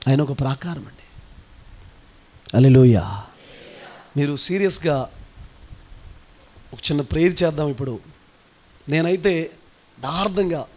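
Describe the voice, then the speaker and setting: A male pastor from India with a Telugu accent, preaching a sermon that swings from low, quick talk to shouted commands and sing-song chanting.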